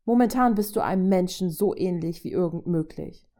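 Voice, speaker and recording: A woman's voice: on the low side, normal speed, gravelly, mellow. A woman reading a firm, earnest young heroine. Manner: firm, raised and pleading.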